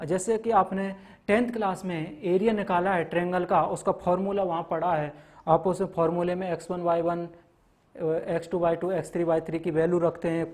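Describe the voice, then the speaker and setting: This maths teacher has a high, somewhat mellow voice. Lecturing in a classroom, he lists topics and explains each step by step, mixes English terms into his speech, and often checks in with his students by saying "theek hai na."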